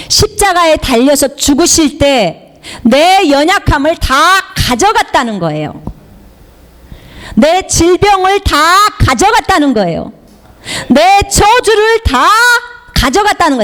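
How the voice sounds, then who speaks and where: High, animated woman preaching emphatically. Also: moderate pace. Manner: emphatic, repeating phrases for the congregation to echo. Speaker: missionary preacher. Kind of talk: sermon with call-and-response.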